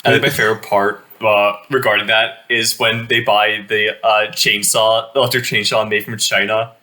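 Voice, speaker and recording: A man's voice: fairly low pitch, little pitch movement, moderate pace, bright, forceful tone. A young man co-hosting a casual movie podcast, giggling and full of fillers. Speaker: podcast co-host.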